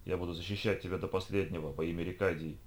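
A man reading an audiobook, voicing a loyal, protective man in a low, subdued voice. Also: fairly even intonation, very fast, natural voice. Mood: solemn. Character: loyal protective man, devoted brother figure.

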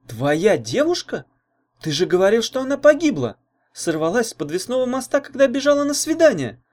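A man reading an audiobook, voicing a sharp-tongued teenage girl witch with an indignant, cutting way of talking. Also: a little high, expressive, moderate pace, close to an everyday voice.

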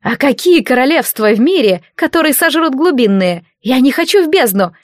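A woman voicing a shrill, ambitious young woman who shrieks and pleads in a storybook reading. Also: animated, moderate pace, no echo, studio quality. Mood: shrill panic.

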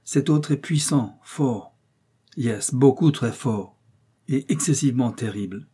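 A man voicing a boastful, excitable American detective who speaks French with an American accent, drawing out his words with emphasis. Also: mid-range voice, breathy edge. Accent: American English speaking French. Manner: emphatic, drawn-out, proud. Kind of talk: audiobook character reading.

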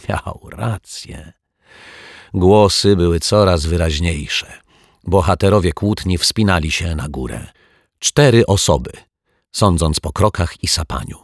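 A man narrating a children's audiobook in a playful storytelling manner, dropping to soft tones for suspense. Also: sits low, breathy edge, no echo, studio quality.

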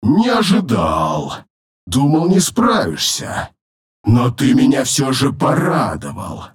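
A man voicing an arrogant, cruel male demon lord in an audiobook, his rough, rumbling voice thickened with a layered demonic effect. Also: huge pitch swings, heavily acted. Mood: commanding. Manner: slow, menacing, commanding. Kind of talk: audiobook narration with voiced characters.

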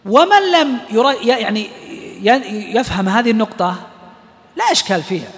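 Man, high voice, Quran recitation teacher, patient step-by-step classroom explanation, reverberant hall. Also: big pitch swings, normal speed. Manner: explains step by step, quizzes students. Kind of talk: classroom lesson on tajweed.

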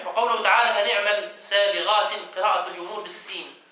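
A man's voice: high voice, fairly even intonation, quick pace, sharp tone, recorded from a distance. A man, a sheikh, teaching a class on Quran commentary, reading passages aloud, explaining them and questioning his students. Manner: reads a passage, then explains it and quizzes students. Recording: echoey room, voice from off-mic, faint noise.

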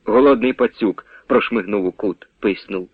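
A man's voice: on the low side, moderate pace, husky, no room sound. Man reading a story on thin radio. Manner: steady storytelling read. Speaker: narrator. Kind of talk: scripted narration. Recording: tinny dry radio recording.

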